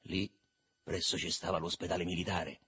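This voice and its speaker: A man reading a literary novel aloud in a lively, expressive way. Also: on the low side, moderate pace, breathy edge. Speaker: reader.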